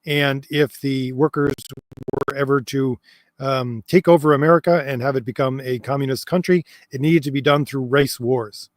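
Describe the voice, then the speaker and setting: A man hosting a casual, long-running chat stream reads viewer comments aloud and replies, hesitating with lots of fillers and restarts. He mentions he's losing his voice. His medium-pitched voice has fairly even intonation and a moderate pace, recorded with no room sound.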